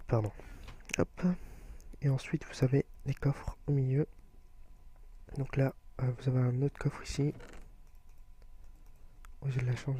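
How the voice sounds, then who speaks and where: A man's voice: medium pitch, vocal fry, mellow, breathy edge. A young man giving casual gameplay commentary, explaining step by step with frequent hesitation fillers. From France. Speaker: gaming video creator.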